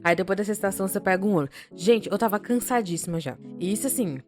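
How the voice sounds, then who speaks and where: A woman's voice: mid-range voice, faint music behind. A young woman with a Brazilian accent, co-hosting a podcast and telling a story in a casual, slangy, swearing way. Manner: animated, slangy and profane, quick shifts in loudness. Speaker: podcast co-host.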